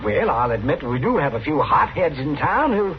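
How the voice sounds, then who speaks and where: An American actor playing a crusty, excitable town doctor in a radio western, testy, sputtering and easily indignant. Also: male voice, on the high side, moderate pace. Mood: protesting. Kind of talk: 1950s radio western acting. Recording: muffled old radio recording, noisy hiss.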